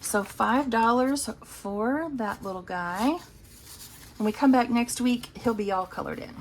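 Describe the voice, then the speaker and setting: A woman's voice: on the high side, measured pace, a little hiss or hum. A woman casually talking through her savings challenges, chatty and thinking aloud as she counts. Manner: chatty, talks to herself while counting. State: has the hiccups. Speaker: budgeting vlogger.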